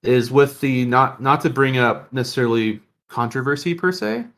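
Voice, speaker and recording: A medium-voiced man co-hosts a casual podcast, thinking aloud earnestly. He speaks haltingly and reflectively, feeling his way through each sentence.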